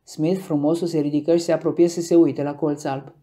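Guy reading a novel chapter aloud, steady storytelling, warm dark voice. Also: a little high. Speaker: audiobook narrator. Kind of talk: scripted narration.

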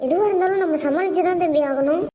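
A patient, peacemaking mother, played by a woman in a family drama pleads and coaxes in a very high voice. She talks fast. Faint noise sits underneath. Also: dark tone. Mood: scolding gently. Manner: coaxing, pleading.

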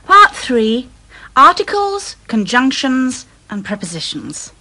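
A woman acting in a scripted dialogue for a language course, speaking in an eager, animated way. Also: high-pitched, very slow, full character voice, rough recording.

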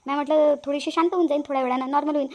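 Cartoon role: a woman voicing a high, fast, exclaiming village daughter-in-law. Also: steady tone, darkish tone, close to an everyday voice. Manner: exclaiming, gossipy. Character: chatty young village daughter-in-law, fussing. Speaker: cartoon voice actress. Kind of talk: cartoon family drama dubbing.

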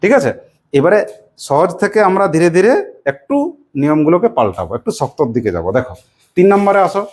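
A woman teacher with a West Bengal Bengali accent leads a classroom lesson in call-and-response style. Her voice sits a little low, and she asks each question again and again, patiently coaxing her pupils to answer. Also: sing-song, fast, darkish tone. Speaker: primary school English teacher.

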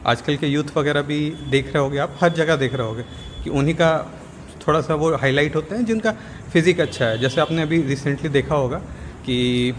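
A young man, a gym member, explaining things on camera in a steady, instructive way, mixing English words into his talk, recorded on a lapel mic in an indoor gym. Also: mid-range voice. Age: young adult. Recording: reverberant gym with faint ambient noise.

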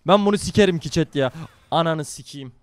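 High, brash, foul-mouthed streamer guy. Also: brisk, no echo. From Turkey. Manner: brash, profane, excitable banter with chat. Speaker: live streamer. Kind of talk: live gaming stream commentary.

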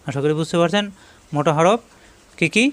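A man teaching Quran letter pronunciation, repeating each sound slowly and checking that viewers follow. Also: fairly high pitch, a bit bright. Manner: slow, repetitive drilling of letter sounds; asks if it is clear, addresses viewers directly. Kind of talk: step-by-step pronunciation lesson.

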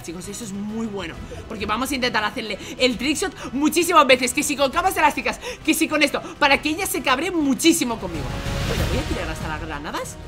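A young man from Spain with a Spanish accent, doing excited gameplay commentary, going from hushed whispers to shouts and repeating himself rapidly. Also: very high-pitched. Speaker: gaming YouTuber. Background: music.

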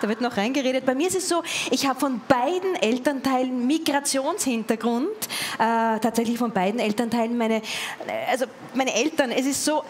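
A woman's voice: fairly high pitch, slight background noise. A Viennese woman in her forties doing ironic stand-up cabaret on a large open-air stage, on a headset mic. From Vienna, Austria. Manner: ironic, quick-witted. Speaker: cabaret performer.

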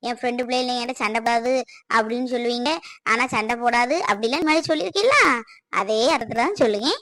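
A woman's voice: fairly high pitch, fairly bright tone, no echo, natural voice. A woman playing a protective middle-aged mother who talks in a consoling yet scolding way, in a family skit.

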